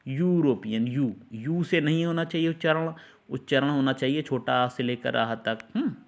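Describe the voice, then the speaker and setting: A man's voice: medium pitch, moderate pace, gravelly. Man teaching English articles in Hindi. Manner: repeats and quizzes with questions.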